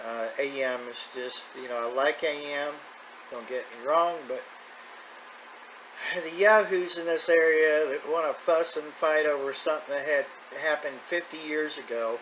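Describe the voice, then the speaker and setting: A man in his fifties who hosts radio hobby videos talks casually and off the cuff, plain-spoken and folksy in a rambling vlog. His voice is a little high and a bit bright, with a steady, unhurried tone. The rough recording has clear background noise.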